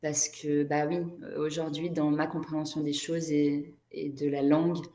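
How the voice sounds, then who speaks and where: An energy therapist and writer from Brazil, a native Portuguese speaker, speaks reflectively as an interview guest and often searches for her words. Her low-pitched, warm voice is flat in delivery and measured in pace, recorded in an echoey room.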